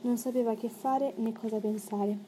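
A woman narrating a literary audiobook in a measured, steady storytelling manner. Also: fairly high pitch, slight background noise.

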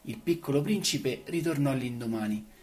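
A woman narrating a storybook reading in a calm, measured, unhurried way. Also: a bass voice.

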